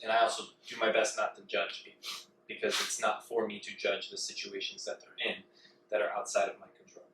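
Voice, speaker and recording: Male podcast co-host, low voice, reflective, distant echoey room with faint ambience. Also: flat delivery, noisy background. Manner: measured, reflective, frequent throat clearing. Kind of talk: casual chat.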